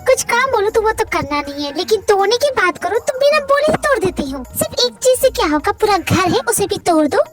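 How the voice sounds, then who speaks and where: A woman's voice: very high voice, sing-song, brisk, few pauses, over loud music, voice pushed up. A woman voicing a feisty, bubbly young wife who talks in a sassy, chatty way.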